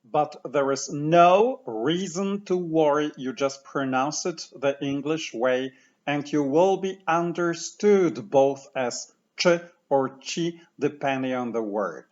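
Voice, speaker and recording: A man teaching pronunciation patiently, saying each word slowly and repeating it for the listener to copy. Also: on the high side, darkish tone, dull audio. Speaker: language teacher. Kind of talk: slow, clear pronunciation lesson.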